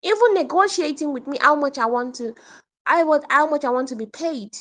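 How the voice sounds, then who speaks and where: Animated high-voiced woman coach. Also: fairly quick. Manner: animated, repeats points for emphasis. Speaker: English communication coach. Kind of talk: online workshop lesson.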